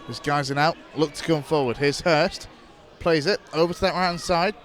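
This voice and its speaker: A man calling live football play-by-play for an internet club radio stream, brisk and steady, rising sharply when a chance comes. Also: a little high. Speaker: football commentator.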